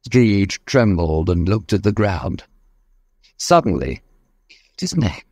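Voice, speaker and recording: A man narrating a graded-reader story with a clear, expressive reading. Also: deep voice, slow pace, no echo, studio quality.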